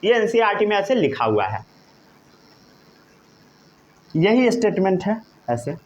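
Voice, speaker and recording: Male teacher, high and animated, slow deliberate delivery, constantly checks comprehension. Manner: repeatedly checks understanding with short questions; slow, emphatic dictation of key terms. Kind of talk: classroom lecture.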